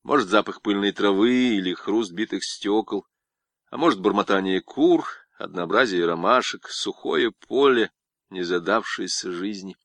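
A man narrating a literary audiobook with expressive, lively intonation. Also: lowish voice, moderate pace, no room sound.

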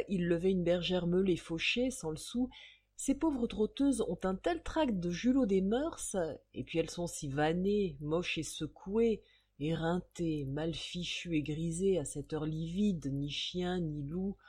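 Expressive woman reading a story. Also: lowish voice, breathy edge. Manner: expressive storytelling, relishes old street slang. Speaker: narrator. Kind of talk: reading a short story aloud.

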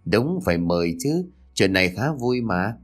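A man voicing a spiteful, jealous schoolgirl in a read-aloud story, speaking in a sharp, taunting way. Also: fairly low pitch, big pitch swings, normal speed, faint music behind. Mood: smug.

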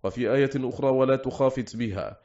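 A man reading a classical Arabic book aloud as an audiobook, slowing down to recite quoted verses and phrases. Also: medium pitch, a little mellow. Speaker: audiobook reader. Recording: slightly dull, lo-fi recording.

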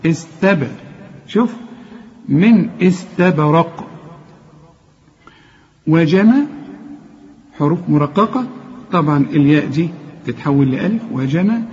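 A man with an Egyptian accent teaching Quran recitation, explaining each rule with quick questions and slowly drawing out words to demonstrate. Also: on the high side, mellow, husky, lo-fi sound. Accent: Egyptian Arabic.

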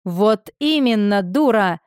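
A woman's voice: fairly high pitch, moderate pace, darkish tone, dry recording, clean studio sound, close to an everyday voice. A woman doing a hissing, imperious noble mother. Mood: furious. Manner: hissing, commanding. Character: cold, imperious noble stepmother, cruel-tempered.

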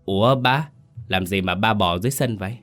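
A man's voice: lowish voice, brisk, a bit bright, soft background music, lightly acted. A man voicing a grown son who anxiously questions his frightened father in a spoken ghost story. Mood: worried. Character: grown son, worried and caring.

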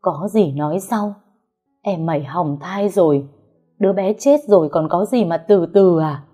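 A woman's voice: lowish voice, unhurried, dark tone, husky, faint music behind. A woman voicing a harsh, scolding middle-aged mother-in-law in an audio story. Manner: scolding and commanding.

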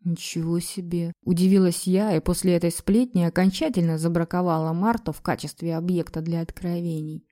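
A woman narrating a story in the first person, calm and even. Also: lowish voice, brisk, few pauses.

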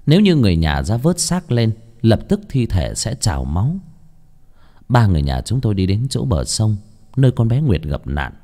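A man narrating a horror story as an audiobook in an expressive, varied delivery. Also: on the low side, normal speed. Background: faint music.

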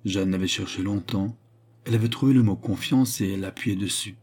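A man with a low, dark, husky voice reads an audiobook in a measured, literary manner. The telling is calm and steady. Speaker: narrator. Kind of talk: audiobook reading.

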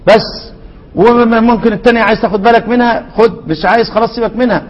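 A man with an Egyptian accent teaching a lesson on Quran readings, quizzing his students with rhetorical questions and slowly repeating words. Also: extremely high pitch, steady tone, in a large hall, dull audio. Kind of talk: lesson explaining a classical poem on Quran readings.

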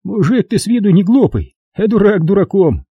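A man reading an audiobook, voicing a fat, greedy, pompous middle-aged notary with a shrill, squealing manner. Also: very animated, moderate pace, slightly rough, no room sound, highs cut off, full character voice. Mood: patronizing. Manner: condescending and grasping.

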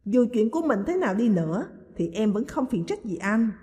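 A woman's voice: a little high, very animated, a little fast, big-room sound. Woman reading an earnest young woman in love. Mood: pleading. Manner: gentle, pleading.

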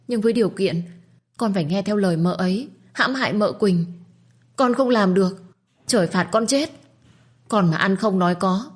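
A woman's voice: medium pitch, husky, pitched above the performer's own voice, close to an everyday voice. Frightened young servant girl, voiced by a woman. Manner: pleading, tearful.

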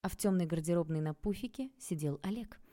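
A woman reading an audiobook aloud in a calm, even storytelling manner. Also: on the low side, brisk. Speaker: audiobook narrator. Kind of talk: scripted narration.

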